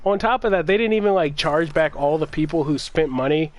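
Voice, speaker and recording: A man with a fairly high voice rants in a casual, exasperated way as a gaming livestream host. He talks loosely and animatedly, breaking into laughs and curses. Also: fairly quick. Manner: animated, exasperated ranting with frequent laughs and swearing.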